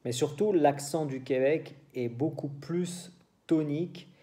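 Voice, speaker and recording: A man from France with a French accent, teaching a French lesson to Spanish speakers in a slow, explanatory way and switching between French and Spanish. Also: fairly high pitch, warm tone.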